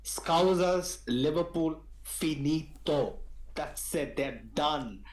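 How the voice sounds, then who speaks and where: A man's voice: medium pitch, lively intonation, measured pace, roomy sound, low-quality recording. A man on a football fan podcast, ranting in an emphatic, slangy way. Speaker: podcast panelist. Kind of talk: heated football podcast talk.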